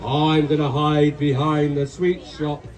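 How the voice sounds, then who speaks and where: A man with an English accent voicing an excitable, teasing clown puppet in an interactive children's show, exclaiming in pantomime style. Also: fairly high pitch, takes it slowly. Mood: playful. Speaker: Punch and Judy puppeteer. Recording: noisy outdoor recording with loud crowd.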